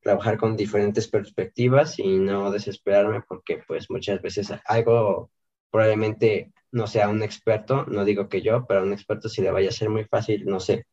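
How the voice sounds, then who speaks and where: A man's voice: lowish voice, steady tone, moderate pace, mellow. A young man hosting a student podcast in casual talk, hesitant and often searching for his words. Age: young adult. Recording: dull, lo-fi sound.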